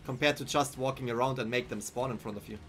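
Faint music plays behind a young streamer with a German accent who speaks quickly in a mid-range, slightly bright voice. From a small room with a headset on, he chats casually about the game he's playing, thinks out loud, and responds to chat.

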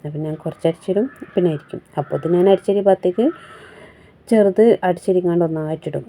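A low-pitched woman with a very dark, mellow tone. She rambles chattily through a casual home vlog and keeps adding little tag words. She has a cold that is changing her voice. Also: fast, slight background noise. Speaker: home vlogger and mother.

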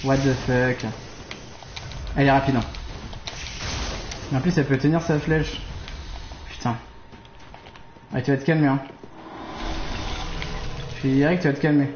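A man giving live commentary on his gameplay, excitable, swearing and laughing often. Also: mid-range voice, a little slow, pauses often. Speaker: streamer playing a video game. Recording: echoey lo-fi stream audio with game noise.

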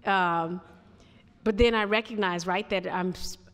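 A woman's voice: medium pitch, fairly even intonation, unhurried. A woman with a Chicago accent, an artist and architect, answering questions at a lecture podium in a thoughtful, self-correcting way. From United States. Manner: reflective, frequent restarts and "like". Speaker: visiting artist and architect giving a talk. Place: large auditorium, speaking at a podium. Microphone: podium microphone. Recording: hall reverb in a large auditorium.

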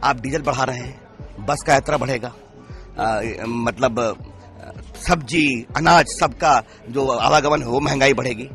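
A man's voice: medium pitch, a little slow, fairly bright tone, faint music behind. A male politician giving an emphatic interview outdoors at a street protest into reporters' microphones. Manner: emphatic, speech-like. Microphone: handheld reporter mics.

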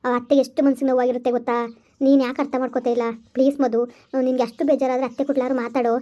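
A woman's voice: high voice, little pitch movement, racing, warm tone, highs cut off, pitched below the performer's own voice, close to an everyday voice. A woman acting as a devoted young wife, coaxing and pleading with her sad husband.

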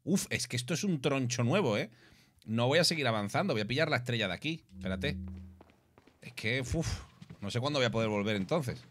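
A young man from Spain with a Spanish accent, commenting live on his gameplay, excitable, with loud outbursts and cursing. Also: mid-range voice, fairly quick. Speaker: streamer. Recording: steady background noise.

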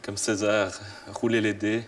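A man's voice: fairly low pitch, level tone, a little slow, recorded from a distance, a little hiss or hum. A man in his thirties from Switzerland, a quiz show contestant answering and bantering casually. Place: large TV quiz studio. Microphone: clip-on lapel mic.

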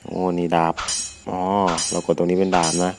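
A man's voice: low-pitched, normal speed, vocal fry, background noise. Man with a sore throat. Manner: crude, excitable, talks to himself while playing. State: sore throat, can't shout. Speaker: gaming channel host. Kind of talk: casual game commentary.

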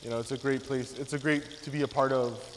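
Speaking fast and steadily at a medium pitch, a man in his thirties from Hawaii demonstrates a dish as a guest chef for a class. His talk is casual and riddled with fillers and restarts, echoing in a large hall, the teaching kitchen, over background noise.

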